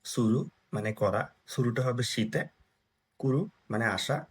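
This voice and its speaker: Young guy teaching grammar, kinda husky, talks in choppy bits, keeps asking if you got it. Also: medium pitch, steady tone, measured pace. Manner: talks in short broken phrases, checks in with listeners. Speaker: Japanese language teacher. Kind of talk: explaining grammar lesson.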